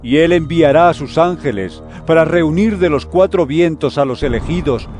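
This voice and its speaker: An actor as solemn Jesus, bright higher-set male voice. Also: faint music behind, natural voice. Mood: solemn warning. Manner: solemn, deliberate, measured. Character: Jesus, solemn adult male teacher warning and instructing disciples. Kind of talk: dramatized scripture audio drama.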